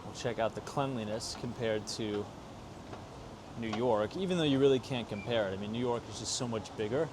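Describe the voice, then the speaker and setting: A man's voice: lowish voice, brisk. A man hosting a walking tour vlog, chatting casually to his viewers as he goes. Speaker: tour vlogger. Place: outdoors in a city and on a train platform. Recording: city and train noise behind.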